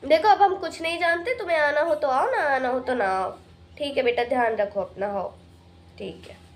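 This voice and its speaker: A woman's voice: high voice, moderate pace, slight background noise, lightly acted. A woman playing a harried mother and daughter-in-law in a comic family skit, grumbling about chores. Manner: grumbling, fussing over chores.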